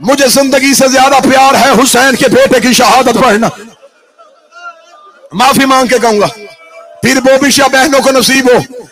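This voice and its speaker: A man delivering an impassioned Muharram sermon to mourners, chanting and shouting in bursts and pleading with the crowd to stay calm. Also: extremely high pitch, measured pace, pauses often, soft background music. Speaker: preacher.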